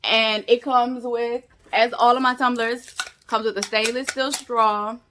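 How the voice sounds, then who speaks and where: A young woman chatting excitedly while making a crafting tutorial, calling viewers y'all. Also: a little high, a little slow, slight background noise. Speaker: crafting vlogger. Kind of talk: casual crafting tutorial chat.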